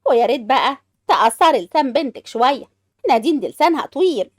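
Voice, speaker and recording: A woman's voice: high-pitched, expressive, fast, no room sound. A woman doing bickering Egyptian housewives. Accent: Egyptian Arabic. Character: adult sisters-in-law, sharp-tongued and bickering.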